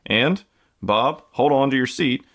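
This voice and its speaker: A man's voice: medium pitch, lively intonation, measured pace, fairly bright tone. A man from the US hosting a podcast, telling a true-crime story in a casual, conversational way with many fillers and restarts. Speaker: podcast host.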